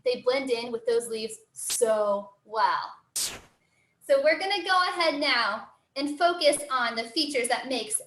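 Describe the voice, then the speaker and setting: Casting: American woman, cheerful zookeeper type teaching kids online, high-pitched voice, roomy echo. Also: a bit bright. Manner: cheery, encouraging zookeeper manner. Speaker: zoo educator. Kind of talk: live online lesson for children. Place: indoor room, online video call. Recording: roomy, echoing sound.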